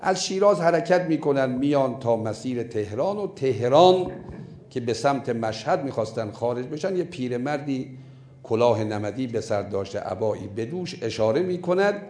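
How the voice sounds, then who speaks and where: Animated man preaching in an echoey room. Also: medium pitch, a little hiss or hum. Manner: animated, emphatic storyteller, slowing down for key points. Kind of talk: sermon storytelling.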